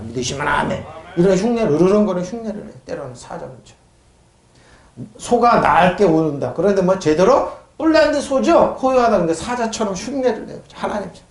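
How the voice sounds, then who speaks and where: In a church sanctuary, a high-voiced male preacher keeps posing questions to the congregation and answering them on his own. His sermon turns loud as he ridicules scoffers, and the room gives the audio a spacious sound.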